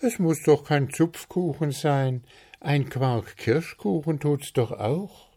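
A man's voice: fairly high pitch, animated, a little fast, a little mellow, pitched above the performer's own voice, lightly acted. A man voicing a frank, chatty little male bird in a storybook reading. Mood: chirpy.

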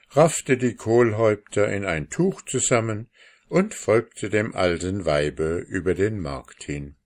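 A man reading a fairy tale aloud as narrator in a measured, expressive way. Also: low voice. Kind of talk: storybook reading.

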